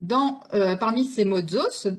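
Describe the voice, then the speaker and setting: Her slightly rough, mid-range voice is expressive and slow-paced. She is delivering an unscripted, illustrated history talk online, working through it step by step while often using fillers and correcting herself.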